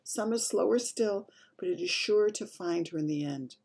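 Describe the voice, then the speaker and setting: A woman's voice: on the low side, moderate pace, vocal fry, darkish tone, breathy edge. A woman voicing a kindly big male giant who whispers in broken grammar. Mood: gentle whisper. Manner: whispering, ungrammatical speech.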